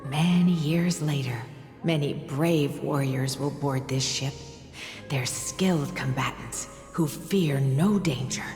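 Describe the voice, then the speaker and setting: An actress playing a gentle, loving mother in a game, speaking softly and serenely. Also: deep voice, slow. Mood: soft, musing. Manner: soft, serene, tender, maidenly delivery. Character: gentle loving mother telling her young daughter a tale. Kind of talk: scripted game dialogue. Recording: long echoing reverb, music behind.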